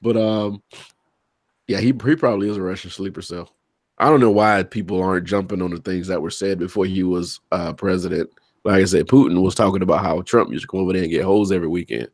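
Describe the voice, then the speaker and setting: A man's voice: low voice, fairly even intonation, quick pace, no echo. A man co-hosting a podcast in a casual, joking, loose way, swearing now and then. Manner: laid-back, joking, swears freely. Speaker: podcast co-host. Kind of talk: casual chat.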